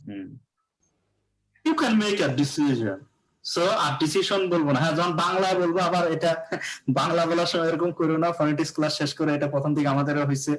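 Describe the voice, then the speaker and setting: A man with a Bangladeshi accent leads a live pronunciation lesson. His voice sits a little high, and he explains step by step, often asking whether the class follows. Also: fairly even intonation, fast, fairly bright tone, low-quality recording. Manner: explains patiently, often checks understanding with rhetorical questions. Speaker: English pronunciation teacher.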